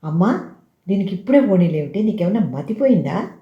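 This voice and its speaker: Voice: mid-range voice, level tone, moderate pace, gravelly, reverberant, lo-fi sound, lightly acted. A narrator playing an exasperated middle-aged man. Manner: exasperated, shouting.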